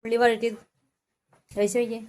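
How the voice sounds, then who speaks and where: A woman's voice: a little high, flat delivery, fairly quick, darkish tone. Playful woman coaxing a child in the kitchen. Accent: Kerala Malayalam. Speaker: home cook vlogger. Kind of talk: casual family cooking chat. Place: home kitchen.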